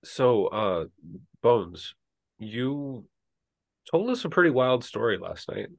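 A man running a tabletop game as game master, narrating in an unhurried way with many fillers. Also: mid-range voice, big pitch swings, gravelly.

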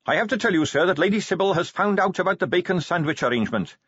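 A male narrator plays an earnest young watch captain in a fantasy audiobook. His voice is pitched higher and stays polite and straightforward, with lively inflection. The recording is a little dull. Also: fast, breathy edge, no room sound, heavily acted. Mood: dutiful, apologetic. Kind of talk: audiobook character voice.

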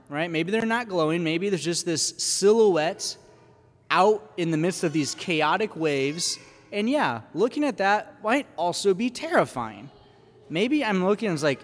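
Animated preacher with a lively voice. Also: male voice, fairly high pitch, in a large hall. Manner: animated, conversational preaching with casual fillers. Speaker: priest. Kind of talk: sermon. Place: church.

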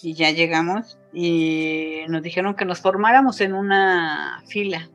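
A woman's voice: lowish voice, steady tone, unhurried, fairly bright tone, dull audio, soft background music. A woman in her fifties with a Mexican accent, a guest telling an emotional personal story in a casual interview, her voice rising when she quotes others. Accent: Mexican Spanish. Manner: emotional retelling, voice rising when quoting others, frequent fillers.

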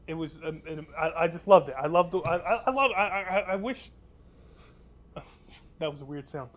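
A young man co-hosting a casual gaming podcast, rambling with many restarts and swearing freely. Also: a little high. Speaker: podcast co-host.

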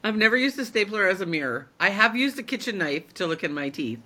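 A woman's voice: medium pitch, very animated, quick pace, sharp tone. A woman co-hosting a podcast over a video call, teasing and joking with casual swearing. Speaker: podcast co-host. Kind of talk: casual chat.

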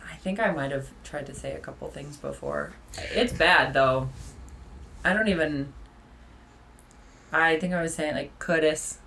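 A woman's voice: low voice, measured pace, gravelly, long pauses, a bit bright, a little hiss or hum. A woman co-hosting a podcast, giving brief, affirming replies in casual chat. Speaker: podcast co-host.

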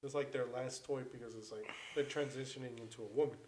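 A man with an average-pitched voice tells a story in a relaxed, rambling way. He leans on filler words and swears freely, like he's chatting with friends. The room around him gives the voice a noticeable echo. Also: fast talker, noisy background. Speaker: storyteller on a podcast. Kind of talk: casual chat. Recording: roomy echo.

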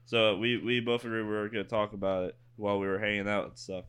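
A young man co-hosting a podcast in casual chat, rambling with halting restarts and casual swearing. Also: on the low side, level tone, a bit bright, clear, resonant tone. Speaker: podcast co-host.

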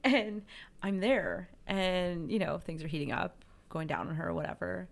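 A woman's voice: on the low side, normal speed, creaky. A young woman co-hosting a podcast, telling a personal story in casual, profane chat and acting out the people in it. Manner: animated, profane, acts out voices in her stories. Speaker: podcast co-host.

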